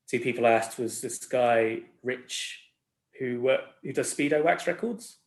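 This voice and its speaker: Easygoing middle-pitched guy in his 40s, self-deprecating, chuckly, echoey room. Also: a little slow, gravelly. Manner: laid-back, rambling, self-deprecating, chuckles often. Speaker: record label owner, guest. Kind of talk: casual chat. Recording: roomy echo.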